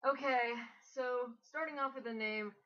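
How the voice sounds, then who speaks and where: Bright and forceful, this woman's high voice moves at a measured pace while she hosts a dramatic reading commentary. She mocks casually, jokes, sounds exasperated, and swears a lot, recorded at home in dull lo-fi quality.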